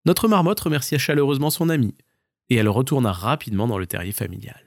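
A man reading a children's bedtime story in a gentle, measured way, with a lively voice that rises and falls freely. The sound is close and completely dry, with no room echo. His pitch sits in the middle. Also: vocal fry.

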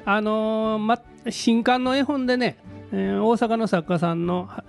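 Gravelly Kansai man, chatty and playful. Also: high-pitched, fairly even intonation, a little slow, faint music behind. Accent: Kansai Japanese. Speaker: reading advisor guest. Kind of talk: radio talk show chat.

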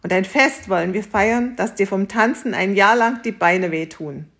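A woman voicing a calm, generous young man who speaks in an unhurried, reassuring way. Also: medium pitch, lightly acted.

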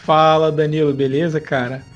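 High-voiced slangy Brazilian Portuguese man. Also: flat delivery, normal speed, lo-fi sound, faint music behind. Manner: slangy, teasing. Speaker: podcast co-host. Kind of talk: casual chat.

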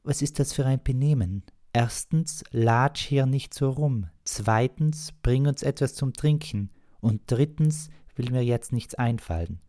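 A man's voice: mid-range voice, a little slow, hardly any pauses, dark tone, no room sound, studio quality, pitched above the performer's own voice, close to an everyday voice. A man voicing a talkative village woman who chats unbothered and bosses the young cook about. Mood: scolding. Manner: chatty, bossy, unbothered. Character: chatty bossy village woman.

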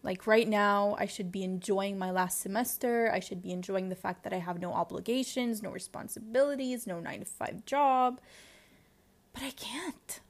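A woman in her twenties with a Lebanese accent hosts a diary-style personal podcast, speaking with candor and introspection. She often pauses to search for words, and her voice is medium-pitched.

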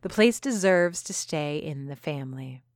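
A woman's voice: deep voice, expressive, moderate pace, no room sound, clean studio sound. A woman voicing a knowing, folksy small-town woman who talks in homespun phrases and knowing murmurs, in a storybook reading. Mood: coaxing.

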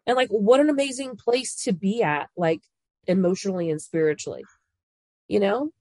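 A woman's voice: medium pitch, normal speed, a little mellow, dry recording. A woman co-hosting a podcast, a mother giving earnest, blunt advice in casual chat. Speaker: podcast co-host.

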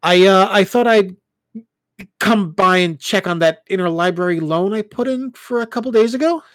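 A man's voice: high-pitched, normal speed, a bit bright, dry recording, clean studio sound, voice pushed up. A man as a shy stammering young student. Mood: awkward, hesitant. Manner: hesitant, stammering.

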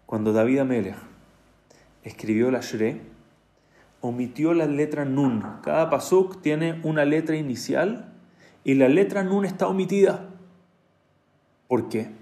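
A man giving a storytelling sermon, switching into English phrases now and then and acting out the people he quotes, with a gravelly voice. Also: a little high, unhurried, long pauses, dark tone. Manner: mixes in English phrases, acts out quoted speech.

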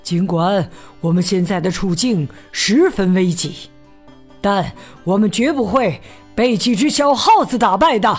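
A woman's voice: medium pitch, expressive, unhurried, a little mellow, faint music behind, lightly acted. A woman voicing a leader chick in a storybook, speaking firmly to a crowd of chicks. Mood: rallying. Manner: firm, speechmaking. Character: leader chick giving a rallying speech.

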